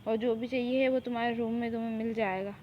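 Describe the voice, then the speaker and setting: A woman's voice: fairly high pitch, fairly even intonation, quick pace, natural voice. A woman voicing a harsh young male mafia boss who gives orders in a commanding, scolding way, in a fan audio drama. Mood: cold, bossy. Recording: tinny phone-like recording, faint hiss.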